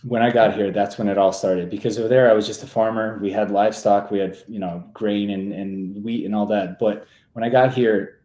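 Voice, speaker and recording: Dark-voiced man in his twenties from Serbia. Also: fairly low pitch, fairly quick, few pauses, roomy sound. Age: 20s. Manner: relaxed, easygoing, with frequent fillers and restarts. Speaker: guest real estate agent. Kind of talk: casual interview talk.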